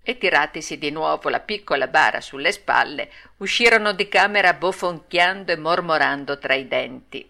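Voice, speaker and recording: A woman narrating a children's classic audiobook in an expressive, animated manner. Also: deep voice, normal speed, vocal fry, few pauses. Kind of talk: storybook narration.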